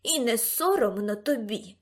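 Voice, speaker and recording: A woman's voice: fairly high pitch, animated, a little slow. A woman voicing a flustered, indignant older aunt speaking with a trembling voice.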